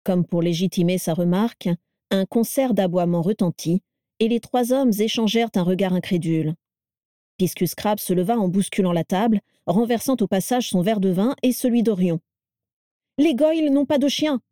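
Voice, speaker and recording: Woman narrator with a mellow, warm tone. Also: medium pitch, no echo, studio quality. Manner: steady, measured storytelling. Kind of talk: scripted audiobook narration.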